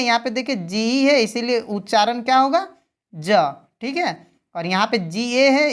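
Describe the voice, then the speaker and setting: A woman teacher explaining English pronunciation rules step by step. She asks her viewers questions, answers them herself, and ends nearly every sentence with "okay". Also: on the high side.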